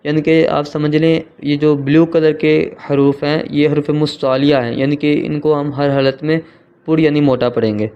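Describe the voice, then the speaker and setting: Patient male tutor with a Pakistani Urdu accent, smooth even delivery, muffled lo-fi sound. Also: on the high side. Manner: slow, patient, drawn-out letter sounds. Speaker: Quran reading teacher.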